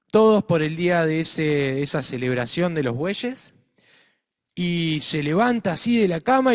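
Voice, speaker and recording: A man with an Argentine accent telling a story to children, expressive and asking his listeners questions. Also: high-pitched. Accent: Argentine Spanish. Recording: reverberant hall.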